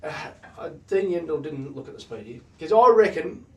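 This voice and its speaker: A man hosts a casual horse racing talk show, analysing races in clipped, punchy, jargon-heavy phrases. His voice is on the high side, expressive and darkish, at a moderate pace. The mic sounds distant.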